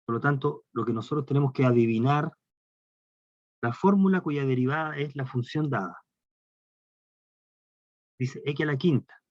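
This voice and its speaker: Dry, dull and lo-fi, the recording captures a man teaching calculus with a Chilean Spanish accent. His mid-range voice has a darkish tone, and he moves at a moderate pace with long pauses. He explains step by step and asks the class questions.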